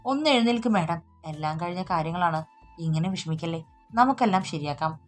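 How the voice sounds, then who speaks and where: Brief: woman doing a patient young man, soft and earnest, lowish voice, storybook. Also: fairly quick, soft background music, natural voice. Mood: soothing. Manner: calm, earnest, soothing.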